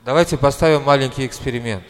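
A man's voice: mid-range voice, fast. A male interpreter with a mid-range voice relays a speaker's lines one by one. He rephrases and corrects himself mid-sentence, and the hall around him adds a long reverb. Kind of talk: consecutive interpreting.

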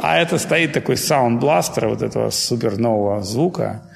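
Gravelly-voiced man giving a rambling talk. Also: medium pitch, animated, normal speed, over music. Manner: loose and digressive, full of fillers and self-corrections. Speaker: spiritual lecturer. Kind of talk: informal spiritual lecture.

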